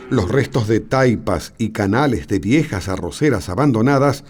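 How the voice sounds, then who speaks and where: Mellow male nature documentary narrator. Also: medium pitch. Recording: music behind the voice. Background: background music.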